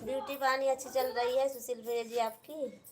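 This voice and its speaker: A woman's voice: high-pitched, level tone, normal speed. A woman with an Awadhi accent hosting a casual live stream, chatting with viewers and teasing them in a sisterly way. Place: indoors at home. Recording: loud background noise.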